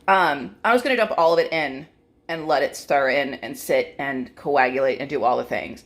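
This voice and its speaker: Speaking at a normal speed in a bass voice, this woman runs a casual cook-with-me vlog about her meals and recipes. Her chat wanders into informal asides, and she keeps interrupting herself.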